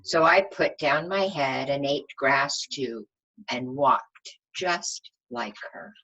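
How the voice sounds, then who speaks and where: With a low-pitched voice, a woman acting as a teacher reads a picture book aloud to small children, keeping her phrasing simple and expressive. She breaks off to pose questions, and the high frequencies of the recording are cut off.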